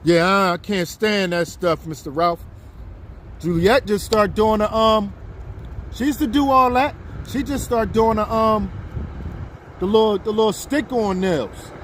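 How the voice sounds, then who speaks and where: A man's voice: high voice, steady tone, a little slow, a bit bright. A man of fifty doing a casual live-stream chat outdoors, talking straight to his viewers. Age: 50s. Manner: chatty, talks straight to viewers. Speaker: livestreamer. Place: outdoors on a city street. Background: faint street and traffic noise.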